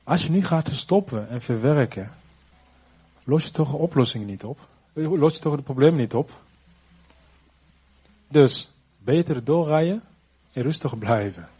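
A man with a husky, slightly breathy voice tells a personal faith testimony in an earnest, reflective way. He speaks haltingly, restarting sentences as he searches for words. The recording sounds dull and muffled. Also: medium pitch, expressive, mellow. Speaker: churchgoer giving a testimony.

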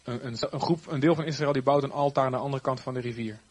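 A man preaching a sermon, swinging from loud, emphatic lines to quiet, trailing ends. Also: medium pitch, fast talker.

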